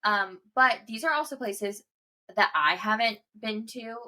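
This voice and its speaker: A woman's voice: a little high, a little slow, bright, forceful tone. A woman in her twenties co-hosting a podcast, telling stories in a casual, chatty way full of "like". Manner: chatty, storytelling with lots of "like". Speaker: podcast co-host. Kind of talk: casual chat.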